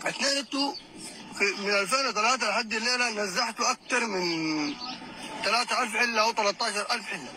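Fast, high-voiced ranting Sudanese man. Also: noisy background. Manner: heated, taunting, rising to shouts. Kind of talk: angry recorded rant.

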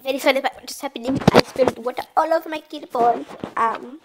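A woman's voice: sits high, fast talker, very noisy. A young woman giving crude, comedic commentary over a game, swearing constantly in a bratty manner. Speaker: gamer.

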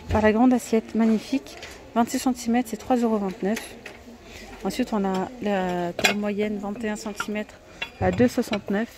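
A woman vlogging in a discount store, chatty and enthusiastic, with lots of hesitations as she points out new items. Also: mid-range voice. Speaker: shopping vlogger. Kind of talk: casual store walkthrough. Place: inside a large discount store.

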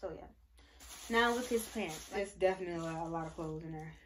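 A woman's voice: lowish voice, a little fast, fairly bright tone, a little hiss or hum. A pregnant young woman vlogging casually, gushing over baby clothes in a rambling way with many fillers. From Michigan, United States. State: pregnant, briefly out of breath. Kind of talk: casual baby haul show-and-tell.

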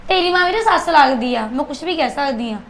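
An actress playing a defiant, spoiled new daughter-in-law in a short film, with a Punjabi accent and an argumentative manner. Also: female voice, high voice, animated, fairly quick, slight background noise. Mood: scornful. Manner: sharp-tongued, argumentative. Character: defiant, spoiled young newlywed woman.

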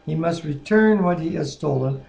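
Speaking at a moderate pace, this sixty-something co-host of a Bible reading series offers relaxed devotional chat, prayer and scripture from his living room. His slightly high voice is animated, creaky and a touch mellow. A webcam microphone at arm's length captures roomy audio with faint background noise.

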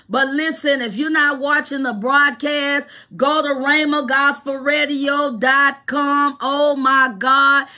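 A woman hosting a live radio podcast over her phone, greeting viewers by name with lively, repetitive excitement. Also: high voice.

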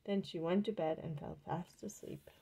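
A woman reading a picture book aloud in plain, unhurried storybook narration. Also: lowish voice, steady tone, dark tone, a little hiss or hum.

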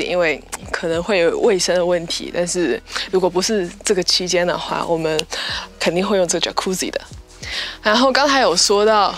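A young adult woman vlogger gives a chatty, upbeat tour of a rental house's rooms and the cabins in its wooded backyard, slipping English words into her casual talk. Her voice is mid-range and a bit bright, with a little hiss or hum on the recording.

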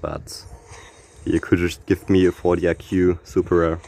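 A man giving casual, excitable commentary on opening car packs in a racing game, reading out car names and laughing often, a little out of breath. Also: sits low, normal speed, creaky. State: slightly out of breath. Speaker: gaming YouTuber.

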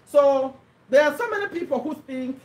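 A middle-aged woman from Uganda, English not her first language, giving an animated motivational talk and repeating her points for emphasis. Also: high-pitched, moderate pace, recorded from a distance. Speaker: host of a live business talk. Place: home room with a bookshelf, indoors. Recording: echoey room, voice a little off-mic.

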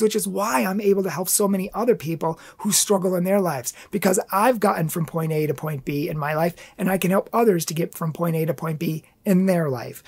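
A man speaks with a husky, slightly breathy voice, delivering an inspirational testimony talk. His storytelling is earnest and impassioned, like a speaker addressing a conference. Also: high-pitched, a little mellow. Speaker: pro-life speaker.

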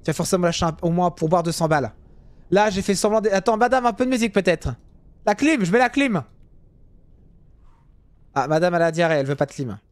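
A young man giving casual, jokey commentary while playing a driving game, now and then yelling at other drivers. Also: high-pitched, animated, fast talker, long pauses, dry recording. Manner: chatty, jokey, swings to loud yelling at drivers. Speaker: gaming youtuber.

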